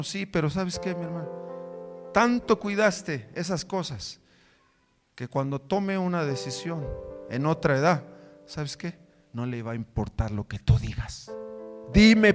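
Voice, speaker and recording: A man pastor preaching a sermon with fervent rhetorical questions, swinging between loud emphatic lines and quiet low ones. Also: expressive, measured pace, pauses often, soft background music.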